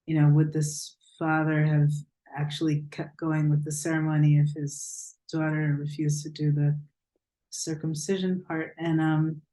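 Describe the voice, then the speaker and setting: Woman author, flat and mellow, thoughtful answers, echoey room. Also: low voice, unhurried. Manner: thoughtful, searching for words. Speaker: author and rabbi. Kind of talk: answering a question about her novel.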